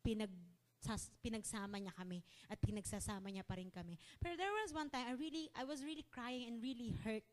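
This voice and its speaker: High-voiced woman preaching with fervor. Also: brisk. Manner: earnest, building to fervent exhortation; confiding personal stories. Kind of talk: Taglish sermon.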